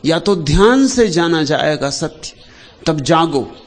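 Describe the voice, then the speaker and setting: Slow, lilting man giving a spiritual discourse. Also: expressive. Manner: slow, unhurried delivery with long pauses and lists; rises and falls sharply between soft low phrases and loud emphatic ones. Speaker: spiritual teacher.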